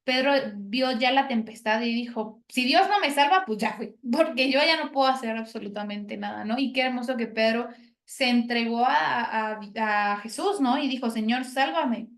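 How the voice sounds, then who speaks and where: A woman's voice: on the high side, normal speed, a bit bright. A woman reflecting on scripture in a church discussion, often checking in with a questioning tag, over a video call. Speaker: discussion participant. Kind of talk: Bible teaching discussion. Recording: roomy echo.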